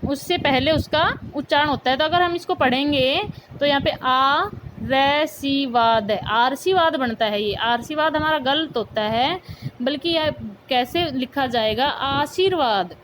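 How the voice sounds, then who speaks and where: A woman teacher giving a school grammar lesson, saying each word slowly and repeating it for her pupils. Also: high voice, a bit bright, a little hiss or hum, low-quality recording. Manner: slow, repeats words for pupils.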